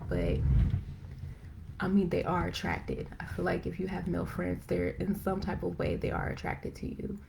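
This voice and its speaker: A woman hosting a live stream, chatting casually and excitedly with lots of fillers, rambling as she goes. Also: fairly low pitch, vocal fry, a little hiss or hum. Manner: excited, self-described as talking fast. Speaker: host of a live video chat. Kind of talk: casual faith-based chat. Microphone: phone or computer for a live stream.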